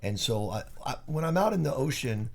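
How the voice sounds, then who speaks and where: A man's voice: medium pitch, big pitch swings, brisk, gravelly, breathy edge. An older man co-hosting a casual chat from bed on vacation, telling rambling, easygoing stories. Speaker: co-host.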